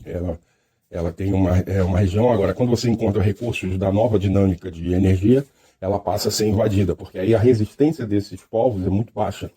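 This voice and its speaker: A man's voice: sits low, fast, mellow, slightly rough. A man with a Brazilian Portuguese accent giving a reflective, lecture-style monologue, thoughtful and hesitant, often restarting his phrases. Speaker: speaker.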